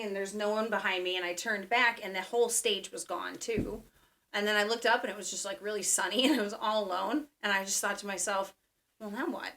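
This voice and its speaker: A woman's voice: mid-range voice, pushed and bright. A woman telling the story of a recurring dream in a chatty way, full of fillers. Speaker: dreamer guest. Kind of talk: conversational storytelling.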